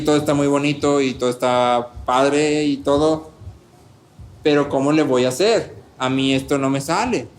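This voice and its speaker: A man preaches a sermon as a pastor. His voice sits somewhat high for a man. He delivers it with animated energy, rhetorical questions, and swings between quiet and loud passages.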